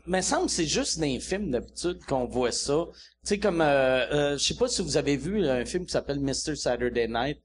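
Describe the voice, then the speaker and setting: Lively high-pitched Quebec man, teasing. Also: moderate pace. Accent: Quebec French. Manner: teasing, rambling, jokey asides. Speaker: podcast host. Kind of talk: casual comedy chat.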